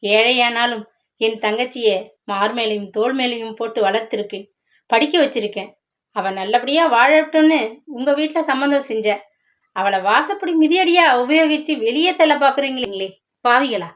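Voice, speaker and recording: Woman reading as a devoted, grieving older brother in a storybook, somewhat high voice. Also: moderate pace, a bit bright, close to an everyday voice. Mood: grieving angry. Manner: pleading, grieving, protective. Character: poor loving elder brother, middle-aged man, protective.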